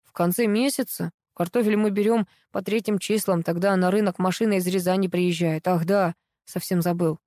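A woman's voice: fairly low pitch, fairly even intonation, moderate pace, hardly any pauses, a little mellow, no echo, studio quality, natural voice. A woman reading the lines of a nervous, evasive young husband in an audiobook. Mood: flustered.

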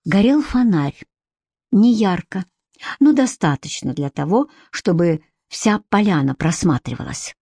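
A woman reading an audiobook in steady, measured narration. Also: on the low side, breathy edge, no echo, clean studio sound. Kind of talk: scripted narration.

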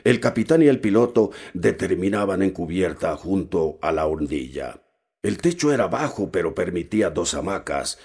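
A man reading a novel aloud as narrator, steady and measured with occasional hesitations. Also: sits low, slightly rough. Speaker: audiobook narrator.

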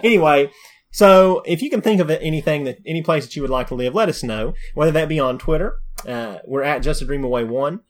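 A man's voice: a little high, animated, a little fast. A man co-hosting a podcast, chatting casually with easygoing, rambling jokes. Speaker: podcast co-host. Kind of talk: casual chat.

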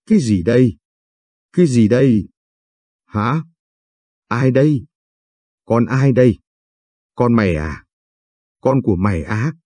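A man voicing a brash, excitable young woman who fires off blunt questions in slangy talk. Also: mid-range voice, dry recording. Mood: excited. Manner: blunt, rapid-fire questions, crude slang.

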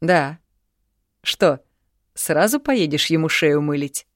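A woman's voice: low-pitched, expressive, slow, no echo, studio quality. A woman voicing a terse, dismissive young man in an audiobook. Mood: grumbling. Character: young man, cool and curt.

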